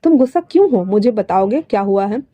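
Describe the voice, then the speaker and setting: A woman voicing a caring, patient young man who coaxes and questions gently, read aloud in a storytelling retelling. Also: mid-range voice, lively intonation, a little fast, natural voice. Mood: coaxing. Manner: coaxing, pleading questions.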